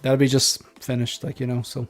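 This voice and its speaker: A man's voice: medium pitch, monotone, a little fast, soft background music. A man hosting a casual panel chat, rambling a little and repeating words as he goes. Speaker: host of a hobby panel show.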